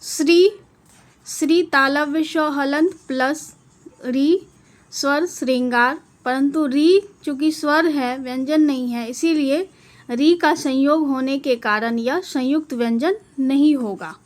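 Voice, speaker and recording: Slow, high-voiced woman teaching grammar. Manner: slow, deliberate, spells out each letter. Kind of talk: classroom-style Hindi grammar lesson.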